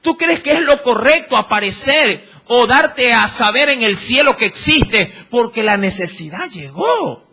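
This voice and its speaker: A man's voice: very high voice, very animated, a little slow, bright, forceful tone. A man with an Ecuadorian accent preaching a sermon, emphatic and firing rhetorical questions at the congregation.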